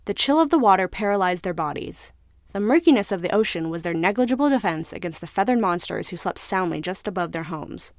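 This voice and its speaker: A woman's voice: on the low side, animated, a little fast, dry recording. Woman reading a story, dry sound. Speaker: narrator. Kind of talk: scripted story narration.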